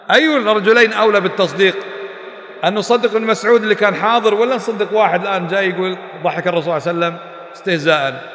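A religious teacher with a high-pitched, pushed, bright voice gives a lesson to a class in a hall with echoey reverb. He quizzes listeners with emphatic rhetorical questions.

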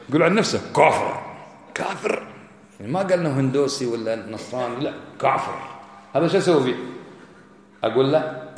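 A man giving a religious lesson, arguing his points with rhetorical questions. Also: mid-range voice. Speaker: preacher. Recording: echoey hall.

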